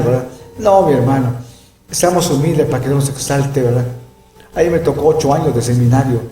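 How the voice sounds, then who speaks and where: In a room with closed blinds, a middle-aged man teaches a Bible lesson, his fairly high, dark voice sounding far from the mic. He's emphatic and keeps asking "¿verdad?" as he explains, and the room is echoey.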